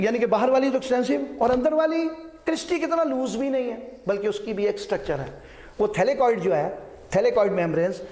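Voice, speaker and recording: Man, science teacher, high voice, repeats key terms, roomy echo. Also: darkish tone. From Pakistan. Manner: repeats terms, checks in with "ठीक है"; mixes English terms into Urdu. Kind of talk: classroom biology lecture.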